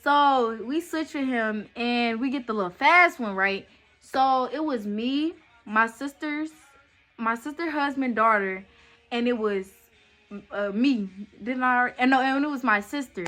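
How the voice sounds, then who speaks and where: A young woman with a bright, ringing voice tells a storytime to her viewers. She talks in a loose, chatty way and keeps turning to the audience. Her voice sits a little high. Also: measured pace. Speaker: vlogger telling a story. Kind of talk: casual storytime chat.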